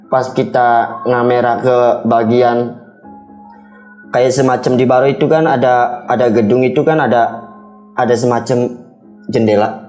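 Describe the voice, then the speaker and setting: A man's voice: mid-range voice, steady tone, a little slow, pauses often, darkish tone. A young man recounts an experience casually, in a rambling, repetitive, colloquial way, slipping into quoted dialogue. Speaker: guest recounting a ghost experience. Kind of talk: casual spoken storytelling. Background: background music.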